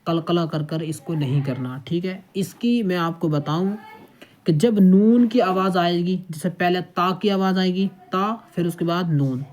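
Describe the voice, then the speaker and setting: A man's voice: high voice, a little mellow. A man teaching children to read the Quran, sounding out each syllable three times and often checking that they follow. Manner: keeps checking with "okay?". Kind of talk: children's recitation lesson.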